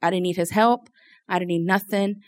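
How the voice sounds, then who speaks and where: A woman with a fairly low voice shares an informal personal testimony with a group. She is from Louisiana and speaks hesitantly, often pausing to search for words. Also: fairly even intonation, a little mellow. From Louisiana, United States. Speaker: church member giving testimony.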